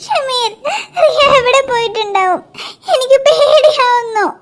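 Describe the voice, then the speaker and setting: A woman's voice: extremely high pitch, a little slow. Woman doing a frantic, tearful cartoon mother. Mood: anxious. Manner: anxious, pleading. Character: frantic young mother of a missing daughter.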